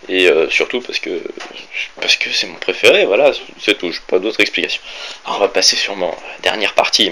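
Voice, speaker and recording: A young man with a French accent from the Orléans area, rambling casually through a room-tour vlog in his bedroom, filmed on a handheld phone with many fillers and self-corrections. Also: low voice. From France. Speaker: YouTuber showing his room and gear. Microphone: phone camera held by hand. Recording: faint background hiss from cheap phone.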